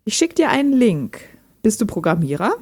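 In an amateur audio drama, a woman reads chat lines as a lonely, reserved hobby programmer who talks in a dry, direct way, while sounding curious and friendly. Her mid-range voice is sing-song, slightly mellow, and breathy at the edges, at a moderate pace.

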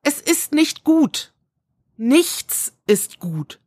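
A woman voicing a young female cook who is ironic and worn out, speaking slowly and hesitantly in an audiobook. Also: fairly low pitch, lively intonation, dry recording, heavily acted. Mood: despairing. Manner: slow and hesitant.

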